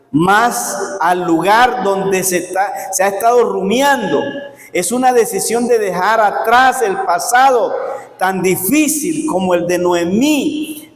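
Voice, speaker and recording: A man preaching a Sunday school sermon as a pastor, folksy and joking, calling on the congregation to answer him. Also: high-pitched. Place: church hall. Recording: echoey church hall reverb.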